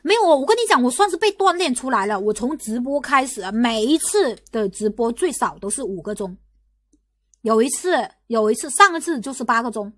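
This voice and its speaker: Fast, high-voiced woman ranting on a livestream. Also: animated, fairly bright tone, no room sound. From Guangdong, China. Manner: rapid, repetitive, argumentative, lots of restarts and rhetorical questions. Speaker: livestream host. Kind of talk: casual livestream commentary.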